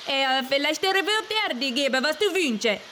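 A woman's voice: high voice, expressive, moderate pace, slight background noise, pitched above the performer's own voice. A woman putting on a flustered Italian-accented rose bush. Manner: flustered, hesitant, soft.

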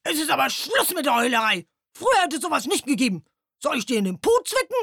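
A woman voicing a grumpy old male stag beetle in a children's storybook, scolding quickly and loudly in a raised voice. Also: sits high, expressive, dry recording, clean studio sound, voice pushed up, heavily acted. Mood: stern scolding. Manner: scolding, rapid and loud.

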